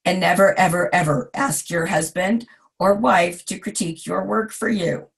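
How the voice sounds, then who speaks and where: A hoarse woman in her forties giving a recorded design lecture, chatty and self-deprecating with asides to her students. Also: fairly low pitch, fairly even intonation, normal speed. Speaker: design instructor.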